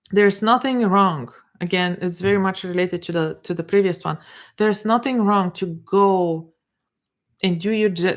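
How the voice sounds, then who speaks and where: In an unscripted live coaching session, a middle-aged Bulgarian-accented woman speaks in a halting way, often starting over and repeating words as she looks for the right ones. She has a fairly low voice.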